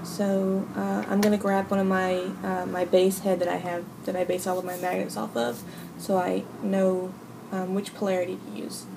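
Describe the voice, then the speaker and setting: Creaky-voiced woman giving a casual craft tutorial. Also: mid-range voice, monotone. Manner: informal, halting, thinking aloud. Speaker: hobby video host. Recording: noisy home recording.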